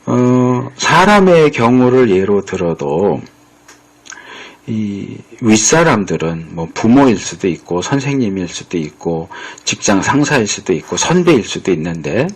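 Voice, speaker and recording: A man's voice: fairly low pitch, sing-song, unhurried, breathy edge. A male pastor giving a conversational sermon, acting out bits of dialogue as he explains. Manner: conversational preaching, acts out quoted dialogue.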